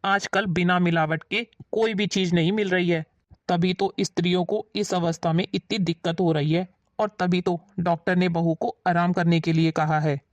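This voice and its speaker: Patient old father-in-law, voiced by a woman, low voice, dry close sound. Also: fairly even intonation, normal speed, no echo, dull audio, close to an everyday voice. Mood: reasoning. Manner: patient, lecturing. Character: older father-in-law, calm and reasoning. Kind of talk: family drama acting.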